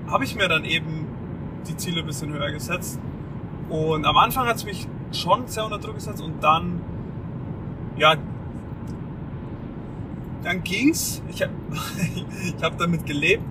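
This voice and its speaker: A man in his twenties chatting casually as a podcast co-host, in degraded low-bitrate audio recorded in a moving car. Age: 20s. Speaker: podcast co-host, master's student. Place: inside a car on the motorway. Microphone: off-mic, faulty setup. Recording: noisy moving car, distant faulty microphone. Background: road and engine noise.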